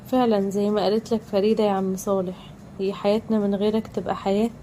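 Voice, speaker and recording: A woman's voice: mid-range voice, little pitch movement, quick pace, warm tone, slight background noise, close to an everyday voice, poor audio. Woman voicing a loyal young Egyptian husband. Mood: earnest. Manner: earnest, reassuring.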